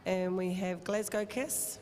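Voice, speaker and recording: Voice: mid-range voice, takes it slowly, a little mellow, a little hiss or hum. A co-commentator giving chatty, jokey color commentary on a roller derby game. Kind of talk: live sports commentary. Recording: echoey sports hall with faint ambience.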